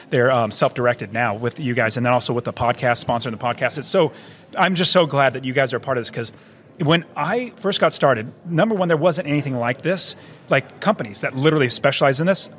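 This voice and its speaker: Man hosting a podcast, mid-pitched, enthusiastic and rambling, interviewing at a conference. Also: fairly bright tone, a little hiss or hum. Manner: enthusiastic, rambling, uses "literally" and "like". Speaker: podcast host. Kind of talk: conversational interview. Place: busy conference floor.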